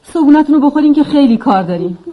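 A woman's voice: high voice, animated, phone-quality sound. A woman playing an anxious, caring mother in a dubbed drama, fretful and coaxing.

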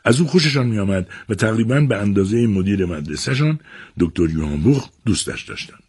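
A man narrating a serialized novel adaptation on a radio book program, with measured, expressive storytelling. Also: fairly low pitch, slightly rough.

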